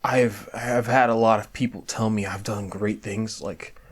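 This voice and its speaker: A man's voice: fairly low pitch, fairly even intonation, unhurried, husky. A man giving a candid year-end reflection, stammering and restarting often, swearing casually, earnest and self-deprecating. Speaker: video creator.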